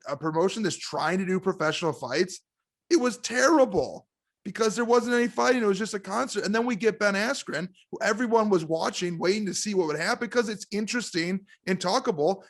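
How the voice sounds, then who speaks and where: A man chatting casually as a guest on a podcast, an animated and excitable wrestling fan. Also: high voice. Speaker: guest commentator.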